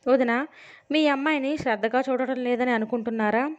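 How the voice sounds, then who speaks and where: A woman's voice: fairly high pitch, fairly quick, close to an everyday voice. A woman doing a resentful complaining woman. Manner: complaining, defensive. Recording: dull lo-fi sound.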